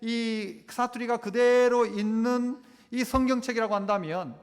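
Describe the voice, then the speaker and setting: High voiced pastor preaching, keeps asking the congregation questions, echoey church hall. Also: male voice, unhurried. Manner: repetitive, asks the congregation rhetorical questions. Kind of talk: sermon. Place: church sanctuary.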